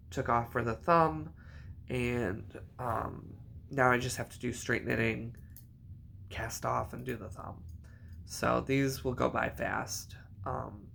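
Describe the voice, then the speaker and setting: A man's voice: mid-range voice, creaky, fairly bright tone, slight background noise. A man vlogging in a casual, rambling way about his knitting, often correcting himself as he goes. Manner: rambling, chatty, self-correcting. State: hiccups. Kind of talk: casual chat.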